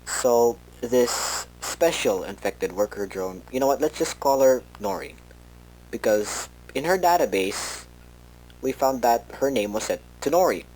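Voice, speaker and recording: Playing a researcher who records an offhand log tape, a man delivers an in-character monologue for a fan horror audio log, hesitant, conversational, and often interrupting himself. His voice is medium-pitched, animated, and darkish, moving a little slowly. It's a low-quality recording.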